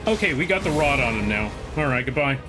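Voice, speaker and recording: A man's voice: medium pitch, lively intonation, fast, over music. A man streaming a game live, chatting playfully, reading chat aloud and joking with the game as he plays. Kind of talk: live gameplay commentary.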